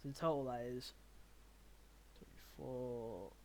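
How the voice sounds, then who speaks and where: A man's voice: mid-range voice, slow, darkish tone, a little hiss or hum. A young man running a tabletop game as game master, narrating in a rambling way with many fillers. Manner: rambling, filler-heavy, laughs at his own narration.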